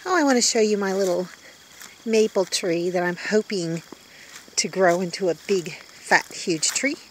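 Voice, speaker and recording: Her mid-range voice moves at a normal speed as she strolls through the woods, a woman in her fifties vlogging casually and wondering aloud. She records on a handheld phone outdoors, and there's slight background noise.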